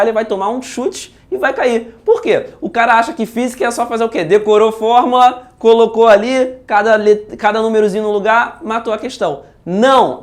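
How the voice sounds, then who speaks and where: Chatty and animated, this high-voiced man with a Brazilian accent teaches physics by solving exam questions on video. He frequently asks his students if they're keeping up.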